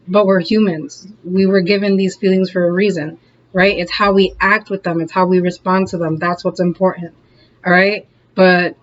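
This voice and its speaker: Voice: mid-range voice, lo-fi sound. A tarot reader giving a casual, encouraging reading to camera, laughing often and checking in with the audience as they go. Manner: chatty, keeps checking in with "okay?" and "all right?".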